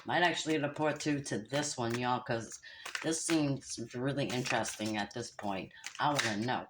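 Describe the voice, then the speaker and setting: A low-pitched woman reading tarot cards in a casual, chatty way. She scolds and teases the listener directly, full of sass and lively asides. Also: normal speed, noisy background. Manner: sassy, scolding, talks straight at the listener; animated, laughs and hums disapproving "mm-mm-mm". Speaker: tarot reader.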